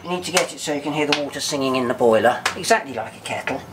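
A man's voice: medium pitch, racing. Give me an older man explaining a boiler fire in a noisy engine room. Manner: practical, chatty, technical explanations. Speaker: volunteer boat engineer. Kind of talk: explaining while working. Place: engine room of a steam tug, indoors.

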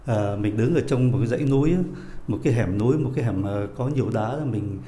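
A man teaching a pronunciation lesson, stretching out model words slowly between quicker explanations. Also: on the low side, mellow, echoey room. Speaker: French teacher.

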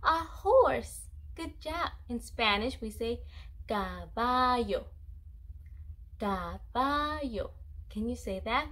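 A woman's voice: fairly high pitch, expressive, unhurried, hardly any pauses, a bit bright. A woman in her thirties giving a simple children's language lesson, encouraging as if talking to a toddler. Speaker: bilingual teacher for toddlers. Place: small room indoors.

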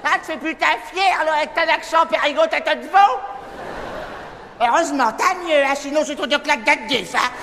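A man's voice: moderate pace, bright, forceful tone, heavily acted. A man voicing a proud, bossy older northern mother who scolds in a ch'ti accent. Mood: scolding proud. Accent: ch'ti (Picard, northern France). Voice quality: high, nagging, exclamatory. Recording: live stage recording in an echoey hall with faint noise.

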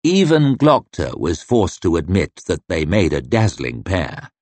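A man narrating a fantasy novel in a measured, expressive storytelling manner. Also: low-pitched, no echo. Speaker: audiobook narrator. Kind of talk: scripted narration.

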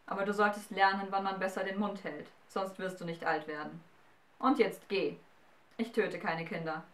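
Eine Frau spricht einen stolzen, befehlsgewohnten Feuerriesen mit drohendem Ton. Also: female voice, medium pitch, steady tone, normal speed, reverberant, distant mic, lightly acted. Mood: herablassend. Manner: commanding, menacing. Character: fiery male giant ruler, proud and threatening.

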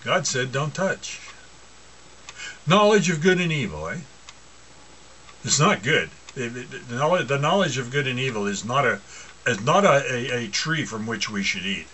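A man's voice: medium pitch, sing-song, moderate pace, bright, forceful tone, slight background noise. A man preaching an informal sermon, mocking and asking rhetorical questions, often laughing to himself.

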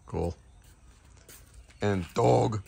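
A man's voice: lowish voice, extremely slow, gravelly, dark tone, slightly rough. A middle-aged man filming a casual travel vlog at arm's length, chatty and rambling, with frequent laughs and restarts. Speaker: travel vlogger. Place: outdoors in a village and inside a shopping mall. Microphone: handheld camera at arm's length.

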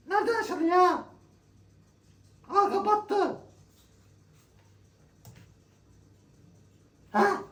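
Woman playing a comedy-sketch shop clerk, very high squeaky voice, slow and drawling, rude and shouty, echoey room. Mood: grumbling. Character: loud blunt clumsy female shop worker.

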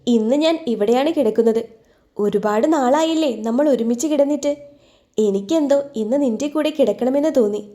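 A woman's voice: fairly high pitch, fairly quick, mellow, lightly acted. A woman voicing a young pregnant woman in an audio story who speaks in a remorseful, pleading way.

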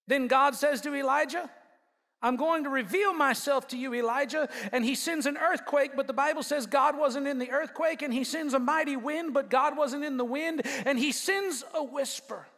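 A man's voice: very high voice, normal speed, few pauses, a bit bright. A male pastor preaching an emphatic sermon with humorous asides and call-and-response to his congregation. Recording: long reverb of a large hall.

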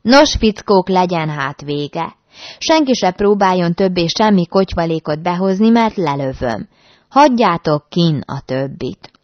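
Woman voicing an old nobleman host, gruff, mock-modest, low pitch, dry dull sound. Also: lively intonation, dry recording, close to an everyday voice. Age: older.

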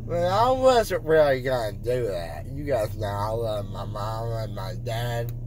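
A man's voice: medium pitch, expressive, a little slow, darkish tone. A teenage boy, loopy and groggy after wisdom teeth surgery, rambling insistently and repeating himself in casual chat. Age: teenager, fifteen. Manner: insistent, repetitive, unfiltered. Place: inside a car. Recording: noisy car interior.

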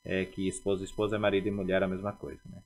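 A man teaching a language lesson, repeating words slowly and carefully to drill their pronunciation. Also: low voice, level tone, darkish tone, slight background noise.

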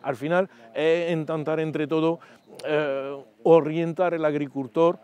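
A man's voice: a little high, steady tone, takes it slowly, a little mellow, clear, resonant tone. A middle-aged man, an event organizer, explaining hesitantly in an outdoor field interview.

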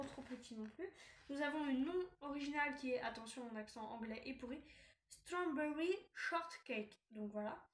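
Woman, high bright voice, chatty and halting, echoey room with a bit of hiss. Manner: chatty, hesitant, many fillers. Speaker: collector reviewing a doll magazine. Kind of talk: casual unboxing review. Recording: echoey room, faint noise.

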